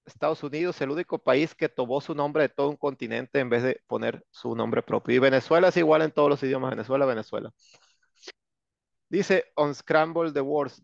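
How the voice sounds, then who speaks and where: Gravelly, joking Mexican male teacher. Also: on the high side, no echo. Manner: joking, sarcastic, slangy. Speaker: English teacher. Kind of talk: online class lecture. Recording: dull lo-fi sound.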